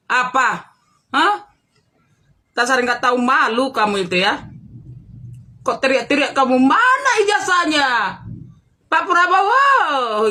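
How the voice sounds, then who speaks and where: A woman hosts an angry commentary vlog in a high, bright voice. She scolds and mocks without letting up, repeating taunting questions over and over. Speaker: channel host.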